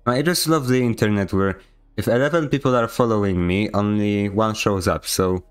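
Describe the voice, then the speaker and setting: A young man from Poland with a Polish accent provides casual, jokey gameplay commentary on stream, sarcastic and playing at indignation. He has a clear, resonant, lowish voice and keeps a moderate pace.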